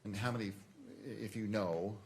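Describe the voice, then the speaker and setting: Male attorney, lowish voice, halting courtroom cross-examination with repeated, reworked phrases; noisy recording. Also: fairly even intonation, a little mellow. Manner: halting, repeats and rephrases questions. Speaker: attorney questioning a witness.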